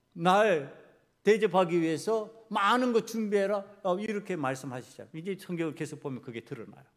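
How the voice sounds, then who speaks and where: A man preaching a sermon as pastor. He swings from quiet asides to loud, emphatic passages and acts out the people in the story. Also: fairly high pitch. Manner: preaching with dramatic shifts in volume, acting out biblical characters. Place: church sanctuary.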